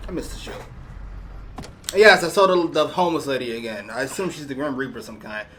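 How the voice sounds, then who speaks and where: A man's voice: mid-range voice, animated, racing, slight background noise. A man hosting a reaction video, talking casually and with animation, swearing and exclaiming at the show.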